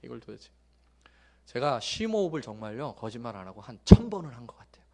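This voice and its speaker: A middle-aged male pastor preaching a sermon, telling jokey stories that swing from loud bursts to hushed asides. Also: medium pitch, fast talker. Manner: lively, joking storytelling with sudden loud bursts and hushed asides.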